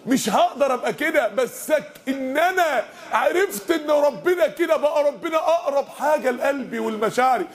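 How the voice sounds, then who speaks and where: Egyptian guy preaching at a mosque, high voice, really fired up and talking to everyone. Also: animated, normal speed. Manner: impassioned, addresses the crowd directly. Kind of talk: mosque lesson.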